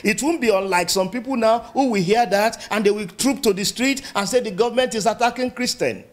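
Critical Nigerian man, high voice. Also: a little fast. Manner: critical, questioning tone.

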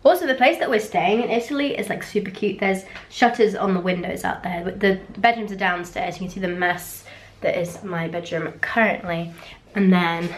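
A chatty woman records a casual vlog on a handheld camera at arm's length, candid and prone to small restarts. Her voice is medium-pitched at a moderate pace, with a little hiss or hum, in the echoey bathroom and sitting room of a holiday rental flat.

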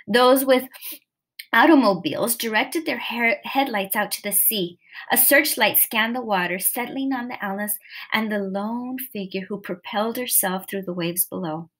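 A woman's voice: a little high, normal speed, a bit bright. Woman reading a true story aloud. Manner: reads steadily with occasional slips and self-corrections. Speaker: narrator.

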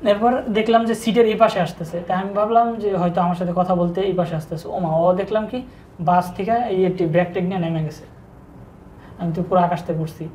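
A young man with speech, telling his own story in a halting, subdued way with frequent restarts. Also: high voice, fairly even intonation, darkish tone. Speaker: interview guest telling his breakup story. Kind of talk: casual personal storytelling. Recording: echoey room with faint background noise.

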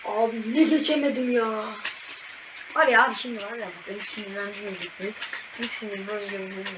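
A woman commentating a video game as she plays, excitable and exclaiming at every fail and win. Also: medium pitch, fast. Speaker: gaming channel host. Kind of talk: live gameplay commentary. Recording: distant, muffled mic with loud background noise.

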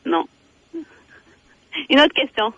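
A woman calling in to a radio show by phone, speaking haltingly with frequent fillers. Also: sits high, gravelly, a bit bright, no echo. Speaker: caller. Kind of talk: phone-in call. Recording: tinny phone line.

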